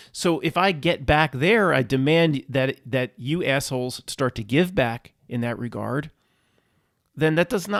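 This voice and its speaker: A man hosting his own channel, delivering a fervent spiritual rant that swears at unseen rulers, with halting restarts and repeated words. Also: a little high, dry recording, clean studio sound. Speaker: channel host. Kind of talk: ranting spiritual monologue.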